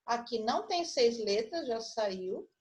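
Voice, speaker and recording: Brazilian lady teacher, kinda high voice, talks real slow and patient, spelling stuff out for little kids online. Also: expressive, darkish tone. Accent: Brazilian Portuguese. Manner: slow, patient, spelling out syllables and clues step by step. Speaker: primary school teacher. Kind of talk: online lesson for children.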